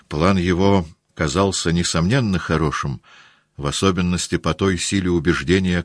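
A man narrating a classic novel as an audiobook, with a measured, steady reading. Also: low-pitched, no room sound, studio quality. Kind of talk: scripted narration.

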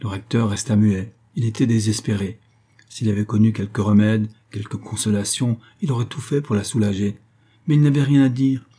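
A man reads a classic novel aloud in a measured, literary way. His voice sits low and mellow with a husky grain, and he paces the story steadily. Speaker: audiobook narrator. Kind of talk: scripted narration of a classic novel.

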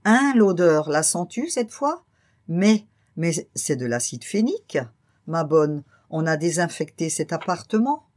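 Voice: medium pitch, animated, unhurried, darkish tone, natural voice. A narrator voicing an anxious, fussy middle-aged bourgeois man who speaks in fretful, raised exclamations. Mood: fretting.

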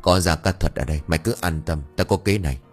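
A man's voice: deep voice, quick pace, soft background music, voice pushed down. A man voicing a cocky village boy who boasts and plots revenge in a conspiratorial tone. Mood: scheming.

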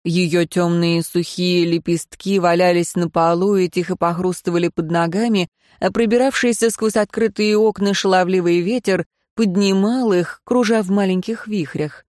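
A woman reading a first-person fantasy story in a calm, measured narration. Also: fairly low pitch, no room sound, clean studio sound. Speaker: audiobook narrator.

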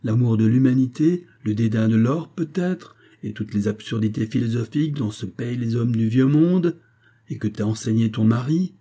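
A man's voice: medium pitch, normal speed, natural voice. A man voicing a domineering billionaire father. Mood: exasperated. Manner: forceful, reproachful, rising to emphatic outbursts. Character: domineering middle-aged billionaire father, exalted. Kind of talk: audiobook character reading.

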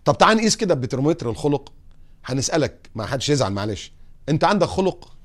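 A man with an Egyptian accent preaching on morals, putting lively rhetorical questions to his audience and telling humorous anecdotes. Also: a little high, fast talker. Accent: Egyptian Arabic. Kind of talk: religious talk on morals.

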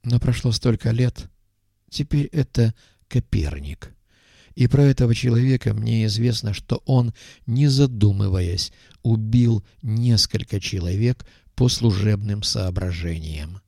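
A thoughtful army doctor, voiced by an audiobook narrator, musing aloud in an unhurried way. The voice is low, gravelly and dark, recorded close and dry. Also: male voice, expressive, no room sound, exaggerated voice. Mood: reflective.

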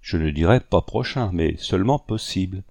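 A man reading an audiobook, voicing a young gentleman who speaks with polite, cold composure. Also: deep voice, lively intonation, moderate pace, vocal fry, no echo, clean studio sound, full character voice. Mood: cool. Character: young man, cool and formal.

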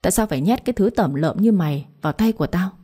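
A woman's voice: on the low side, animated, fast talker, warm tone, slightly rough. A woman voicing a cruel middle-aged stepmother who speaks coldly and with contempt. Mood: contemptuous. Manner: cold, commanding, contemptuous.

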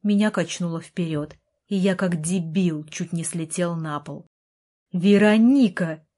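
Woman narrating an audiobook in a mellow voice. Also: on the low side, fairly even intonation, unhurried.

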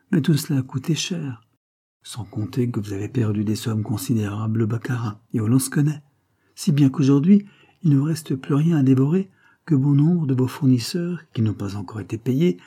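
A man's voice: mid-range voice, warm tone, husky, pitched above the performer's own voice, natural voice. A man reading an audiobook, voicing a scornful, domineering creole woman who talks in a cold, mocking tone. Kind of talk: audiobook character voice.

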